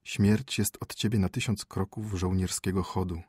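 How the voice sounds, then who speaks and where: A man voicing a grave, soft-spoken old physician. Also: deep voice, steady tone, normal speed, husky, dry recording, clean studio sound. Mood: sorrowful. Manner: soft, grave, near whisper. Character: grave old court physician, sorrowful and quiet.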